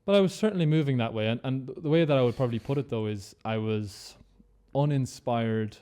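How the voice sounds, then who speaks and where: A man's voice: mid-range voice, fairly quick, warm tone, clean tone. A man from Galway with a west of Ireland accent, talking casually as an interview guest.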